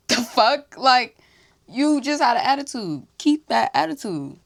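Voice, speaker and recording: A young woman from Houston hosting a podcast, telling a casual story in an animated, slangy, profane way with frequent laughs. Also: high voice, takes it slowly, vocal fry. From Houston, Texas. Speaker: podcast host.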